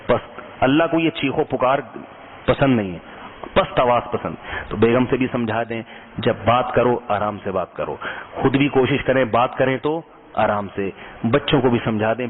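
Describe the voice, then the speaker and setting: A man giving a conversational sermon to a live audience, mixing jokes with advice and often checking that listeners are following. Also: medium pitch. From Pakistan. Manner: humorous, asks the audience questions often. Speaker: Islamic scholar giving a sermon. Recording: tinny phone-like sound with long hall reverb.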